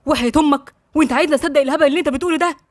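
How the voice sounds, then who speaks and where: Angry young gang boss read by a woman, Egyptian accent, yelling fast insults, dry close sound. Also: high voice, no room sound, close to an everyday voice. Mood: furious. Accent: Egyptian Arabic. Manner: shouting, rapid, insulting. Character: furious young male gang boss in a jail cell.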